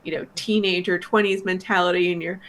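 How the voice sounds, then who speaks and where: Casting: woman, lowish voice, reflective film reactor, hesitant with fillers. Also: fairly even intonation, a little fast, fairly bright tone, slight background noise. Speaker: movie reaction co-host. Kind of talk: casual chat.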